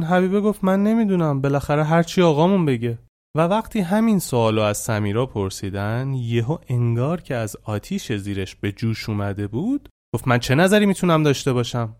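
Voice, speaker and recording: A man's voice: mid-range voice, darkish tone. A man narrating a true story he was told, in a colloquial, reflective storytelling manner.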